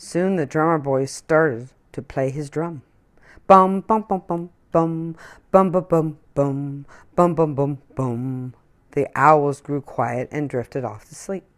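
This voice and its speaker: A woman reads a children's picture book aloud, telling the story expressively. Her voice is low-pitched and her pace slow.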